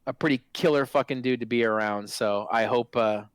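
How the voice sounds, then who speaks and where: A man in his forties, a guest on a stream interview, chatting in an excitable, casual way with lots of restarts and swearing. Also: mid-range voice, fairly quick, smooth, no room sound, rough recording. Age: 40s. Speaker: guest, former game product manager.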